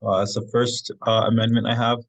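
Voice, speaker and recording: A man's voice: on the low side, little pitch movement, fast, gravelly. A man at an online meeting, hesitantly moving amendments with many fillers, his computer audio crackling and cutting out. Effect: crackling audio that keeps cutting out. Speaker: council member. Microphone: computer mic on a video call. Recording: dull, dry, crackling call audio.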